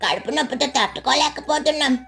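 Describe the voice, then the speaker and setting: A young boy parrot from a cartoon story sniffles in a high, bright, gravelly voice, as a woman puts him on. He sounds weepy and sorry for himself. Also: fast talker, soft background music. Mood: tearful.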